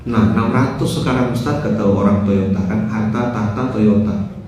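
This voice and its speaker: A man preaches a dawn sermon with humor and rhetorical questions, his voice mellow and mid-pitched. He stands back from the microphone in a very roomy hall, so his voice carries a heavy echo over faint background noise. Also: normal speed, distant mic, faint music behind. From West Kalimantan, Indonesia. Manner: lively, joking, asks the crowd rhetorical questions. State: recovering from mouth ulcers, speaking slowly.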